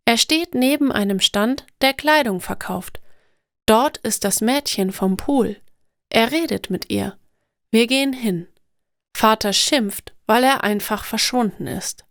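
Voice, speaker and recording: A woman narrating stories for language learners in a slow, clear, deliberate scripted reading. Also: a little high, dry recording, studio quality.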